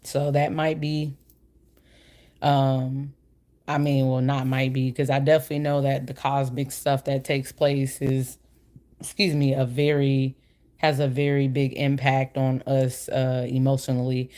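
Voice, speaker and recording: A woman's voice: very deep voice, level tone, measured pace, dark tone. A woman hosting a casual livestream chat, talking in an informal, slangy, meandering way, her speech slightly slurred by the retainer she is wearing. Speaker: livestream host.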